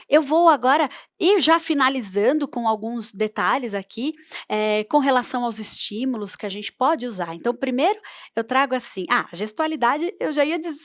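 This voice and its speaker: A woman's voice: on the high side, no echo, clean studio sound. A woman teaching oral storytelling in a workshop, playful and demonstrative as she varies her voice. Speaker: storytelling instructor.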